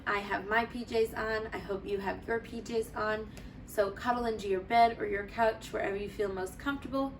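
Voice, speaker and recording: A woman teacher reads a children's storybook aloud, phrasing things deliberately and expressively for young listeners. Her medium-pitched voice sits far from the mic, with a little hiss or hum in the recording.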